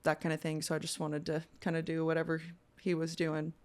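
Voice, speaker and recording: A young woman from Virginia, a guest musician, telling her story in a relaxed, chatty way in a casual interview. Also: low-pitched, a little fast.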